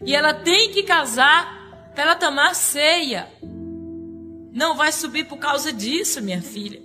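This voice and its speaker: A woman quoting a solemn, stern male divine voice, speaking slowly and gravely. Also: high voice, lively intonation, bright, forceful tone, faint music behind, exaggerated voice. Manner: slow, grave, final.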